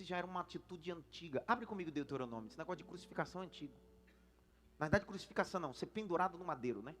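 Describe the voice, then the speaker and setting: A man with a Brazilian Portuguese accent, a senior pastor preaching a storytelling sermon in church, swinging between hushed asides and shouted lines. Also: fairly high pitch. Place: church service.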